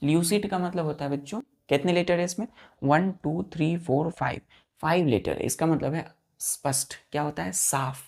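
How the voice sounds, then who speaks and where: A woman teacher leads a vocabulary lesson, spelling words letter by letter, counting the letters aloud and asking her class the same kinds of questions again and again. Her voice sits low, gravelly and darkish, at a moderate pace.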